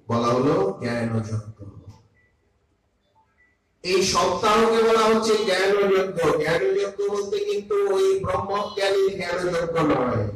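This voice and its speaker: An older man giving a Vaishnava sermon on scripture, slow and emphatic, dropping from loud to soft, sometimes chanting Sanskrit verses. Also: fairly high pitch. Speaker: Vaishnava preacher. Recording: echoey hall, voice from a distance, faint hum.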